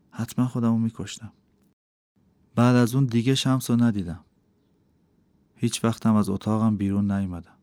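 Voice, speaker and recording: A man reading a novel aloud as an audiobook, telling the story in an intimate, measured first-person way. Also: fairly low pitch, clean tone, no echo. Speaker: audiobook reader. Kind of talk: scripted narration of a novel. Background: soft instrumental music.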